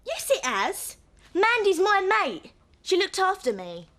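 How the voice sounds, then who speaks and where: Brief: a defiant young woman, high bright pitch, lively. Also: a little slow, full character voice. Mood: pleading. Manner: pleading, defiant, cheeky. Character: young woman pleading for her friend. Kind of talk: television soap drama.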